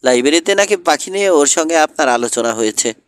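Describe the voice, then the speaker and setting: A man's voice: fairly high pitch, expressive, fast talker, clean tone, natural voice. A man voicing a clever, polite teenage boy detective who speaks earnestly.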